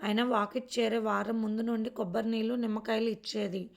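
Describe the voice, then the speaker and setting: A woman's voice: fairly high pitch, fairly even intonation, a little fast, creaky. A woman voicing a frightened young bride, pleading. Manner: pleading, tearful.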